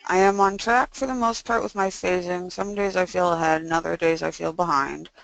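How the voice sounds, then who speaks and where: Young woman doing a class presentation, talks like her jaw's wired shut, kinda muffled and creaky. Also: on the low side, steady tone, a little fast, fairly bright tone. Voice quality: constricted, muffled speech through a stiff jaw after surgery, as if wired shut. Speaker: student presenting design coursework.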